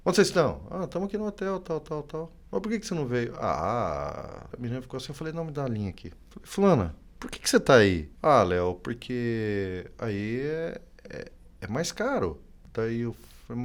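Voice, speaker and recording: A man from Brazil, a company CEO, telling stories in a relaxed conversational way, acting out quoted dialogue and tagging his sentences with "né". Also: mid-range voice. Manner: lively, warm storytelling with frequent "né" and acted-out quotes. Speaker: company CEO, podcast guest. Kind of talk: conversational storytelling.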